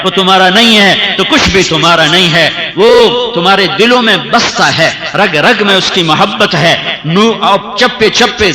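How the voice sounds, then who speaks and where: A man with a Pakistani accent preaching a sermon with impassioned repetition and chanted Arabic verses. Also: high-pitched. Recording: echoey hall with crowd behind.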